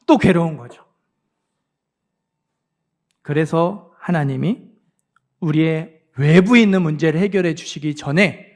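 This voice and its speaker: Male pastor with a high voice, earnest sermon delivery, pushes up for emphasis then sinks quiet. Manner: earnest, swings between emphatic rises and soft low drops. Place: church.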